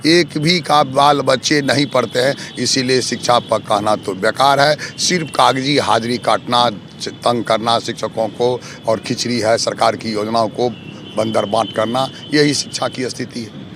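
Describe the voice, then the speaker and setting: A man running as a local election candidate, answering interview questions in a forceful, accusatory way, piling up lists of grievances. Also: mid-range voice, moderate pace, a little hiss or hum.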